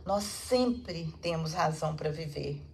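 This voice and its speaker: A serene male teacher speaks with tender, unhurried solemnity, as a woman lecturer gives him voice. The tone is measured and poetic, with a slightly gravelly grain. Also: fairly high pitch, expressive, slight background noise, full character voice.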